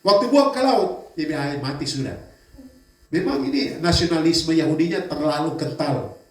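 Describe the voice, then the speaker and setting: A male pastor preaching a sermon in a lively way, throwing out rhetorical questions to the congregation. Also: fairly high pitch, moderate pace. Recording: echoey church hall from far off.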